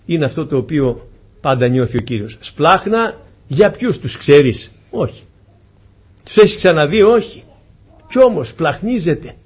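A man's voice: on the high side, expressive, darkish tone, slightly rough. A man preaching a sermon to his congregation, earnest and pleading, often asking them questions.

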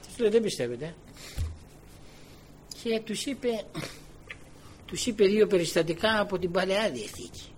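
A man preaching a sermon, firing rhetorical questions and swinging from low murmurs to loud exclaiming. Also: very animated, pauses often, slight background noise.

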